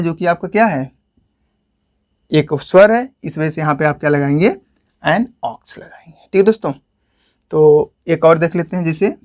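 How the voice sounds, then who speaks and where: A man with a Hindi accent teaching English grammar in a classroom-style lesson, often calling his listeners friends and asking questions that he answers himself. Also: a little high. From India.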